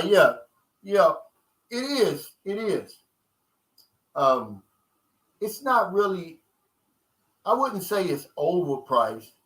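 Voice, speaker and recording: The recording is rough, carrying a man's mid-range, fairly bright voice. He is in his fifties, a vlogger hosting a live stream who reads viewer comments and answers them in relaxed, streetwise talk.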